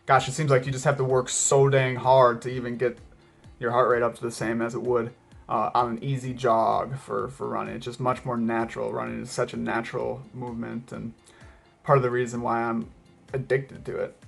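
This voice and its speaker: Guy doing a casual running vlog, kinda flat and gravelly, pauses to think, bit of music behind him. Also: mid-range voice. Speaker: running vlogger. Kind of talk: casual vlog talk to camera.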